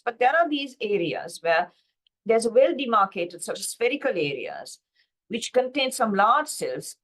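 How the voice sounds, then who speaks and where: A woman from Sri Lanka giving a slide-based pathology lecture, explaining steadily with frequent fillers and self-corrections over a video call. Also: on the low side.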